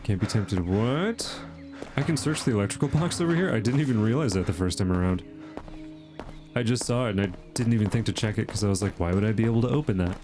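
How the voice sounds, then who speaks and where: A gaming channel host chats over music in a lowish voice, talking fast as he plays. His nose is stuffed up from allergies, and he thinks aloud casually with lots of fillers.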